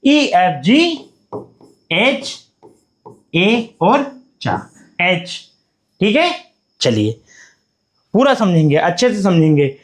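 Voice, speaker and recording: A man's voice: high voice, very animated, takes it slowly, pauses often. A man teaching beginners at a board, coaxing them along by asking questions and answering them himself. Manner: coaxing, repeats questions back to the class. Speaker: English teacher. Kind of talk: whiteboard lesson for beginners.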